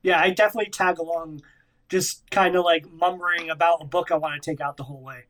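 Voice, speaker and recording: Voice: medium pitch, fairly even intonation, quick pace, a bit bright. A player speaking in character at a tabletop game, chatty and full of curious questions.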